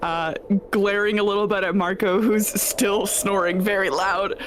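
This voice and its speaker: A woman's voice: mid-range voice, steady tone, unhurried, a bit bright, a little hiss or hum. A woman player narrating her character's actions in a tabletop game, in a casual way with hedging fillers.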